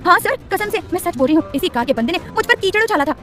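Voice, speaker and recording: A hot-headed young college girl talks in a brash, slangy, dramatic way, as a woman acts her out. Her voice sits high and her words tumble out fast. Faint music plays under an audio story. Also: expressive, fairly bright tone. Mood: flustered.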